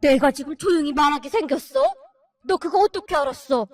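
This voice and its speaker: A woman voicing an angry older father-in-law who shouts and demands answers, over faint music. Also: high-pitched, expressive, moderate pace, no room sound, clean studio sound.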